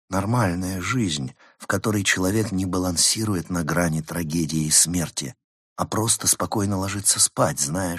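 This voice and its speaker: A man reading an audiobook aloud in measured, dramatic scripted narration. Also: low-pitched, a bit bright, breathy edge, no echo, studio quality. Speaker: audiobook reader.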